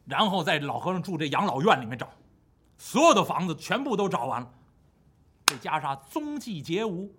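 A man telling a classic tale in the traditional Chinese storytelling style, animated, dramatic and rhythmic. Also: fairly high pitch, moderate pace, a little hiss or hum.

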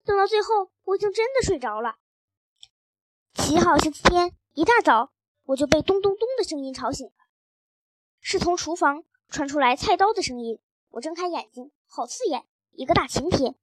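A woman reading a children's story aloud in a lively, expressive first-person child's voice. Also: high-pitched, normal speed.

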